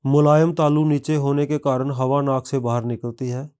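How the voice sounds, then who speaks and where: A man narrating a scripted language lesson, reading word lists one by one in a measured way. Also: mid-range voice, flat delivery, a little mellow, clear, resonant tone. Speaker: language teacher.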